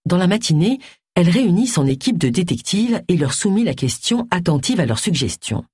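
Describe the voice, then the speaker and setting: A woman narrating an audiobook in an expressive, varied reading style. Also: on the low side, fairly quick, slightly rough, dry recording, clean studio sound.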